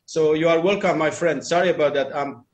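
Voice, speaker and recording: As a panelist in a casual group call about dating, a man rambles opinionatedly with restarts and uneven phrasing. His voice is fairly high-pitched and fairly quick.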